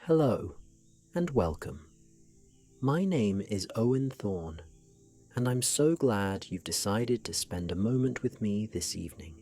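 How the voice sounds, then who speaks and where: Male sleep story narrator, lowish voice, very slow pace, soothing and hushed, gentle guided-relaxation delivery. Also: lively intonation, soft background music.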